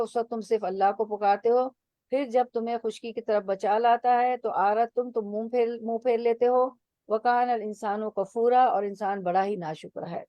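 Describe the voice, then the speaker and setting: Mellow-voiced woman teaching slowly. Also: medium pitch, no room sound. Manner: explains slowly, repeating and defining words. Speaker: Quran teacher. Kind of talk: religious lesson.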